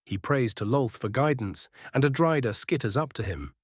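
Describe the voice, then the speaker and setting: A man's voice: mid-range voice, lively intonation, moderate pace, breathy edge, no room sound, clean studio sound. A man reading scripted fantasy narration as a storyteller.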